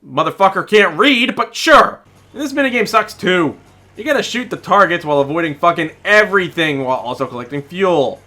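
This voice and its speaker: Animated, sarcastic man with a bright voice. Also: sits high, fairly quick. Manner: exasperated, sarcastic, profane. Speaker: game reviewer. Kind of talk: sarcastic video game commentary.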